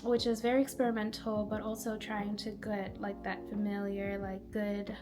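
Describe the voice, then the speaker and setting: A woman's voice: medium pitch, level tone, normal speed. A young woman from Nepal, a musician, talking casually about her music with lots of filler words. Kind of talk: casual self-introduction. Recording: music playing behind.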